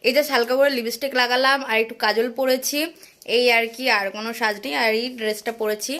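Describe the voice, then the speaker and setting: Chatty woman vlogger with a high voice. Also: steady tone, fairly quick, pushed and bright. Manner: chatty, addresses viewers directly. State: voice getting hoarse. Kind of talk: casual home vlog.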